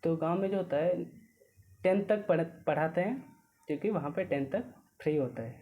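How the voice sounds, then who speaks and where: A young man from Odisha, a student guest, talking casually and haltingly, often restarting his sentences. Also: on the high side. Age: young adult. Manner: hesitant, restarts often, mixes in English words. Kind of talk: casual conversation. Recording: phone-like lo-fi audio with faint noise.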